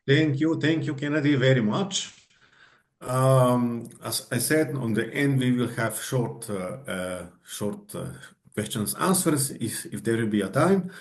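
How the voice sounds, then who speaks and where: A man moderating a conference on a video call, introducing the next presenter with halting uhs. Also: mid-range voice. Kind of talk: introducing speakers.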